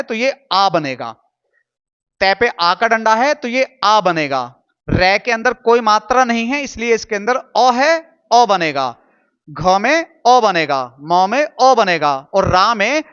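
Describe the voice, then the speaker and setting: Patient Hindi teacher spelling out syllables. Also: male voice, high voice, a bit bright, clean tone, lo-fi sound. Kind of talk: classroom lesson.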